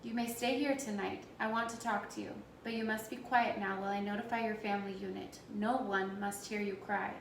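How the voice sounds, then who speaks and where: A woman voicing a wise, weary old man who keeps old memories, speaking calmly and firmly. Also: mid-range voice, vocal fry, a little hiss or hum, lightly acted. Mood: grave. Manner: calm, firm and measured. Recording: echoey room, voice from a distance.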